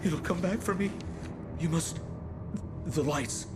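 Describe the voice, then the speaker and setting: A man's voice: a little high, takes it slowly, music in the background. An actor playing a badly wounded, terrified man in a video game, weak with pain and pleading in desperate cries. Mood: weak, frightened. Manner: desperate cries, straining and gasping.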